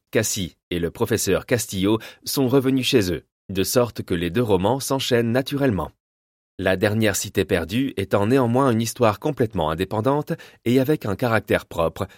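A man reading an adventure novel aloud in a measured, dramatic storytelling manner. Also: lowish voice, no echo, studio quality. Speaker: audiobook narrator. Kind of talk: scripted narration.

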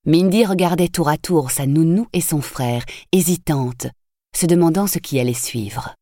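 Woman audiobook narrator, low voice, measured reading, dry studio sound. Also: dry recording. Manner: measured, even storytelling.

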